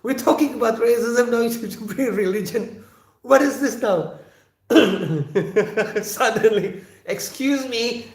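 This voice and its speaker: This high-pitched male livestream host has an Indonesian accent and isn't a native English speaker. He reads viewer comments in a halting, casual way, full of repeated words, fillers and frequent throat clearing, recorded in an echoey room.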